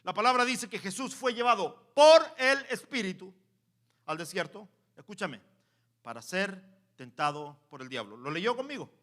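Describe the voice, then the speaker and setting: A man preaching a sermon in church as pastor, swinging from quiet asides to loud exhortation and calling the congregation to repeat after him. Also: high voice, big pitch swings, moderate pace.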